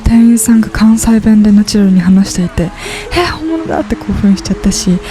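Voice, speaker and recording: A woman's voice: mid-range voice, fairly even intonation, brisk. A woman in her twenties chatting casually in a vlog voice-over, upbeat and gushing about things she loves. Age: 20s. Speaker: vlogger. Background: background music.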